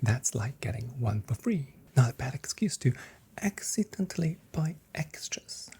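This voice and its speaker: This medium-pitched whisperer takes on the part of a shop assistant for an ASMR customer service scene, gentle and breathy, offering playful sales patter that's been carefully phrased. The delivery is very animated yet kept to a measured pace.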